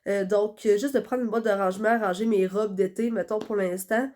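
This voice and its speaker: Chatting to her phone camera with a cold-blocked nose, a young woman with a Quebec French accent vlogs in a rambling, filler-heavy way. She has a mid-range, darkish voice with a steady tone at normal speed.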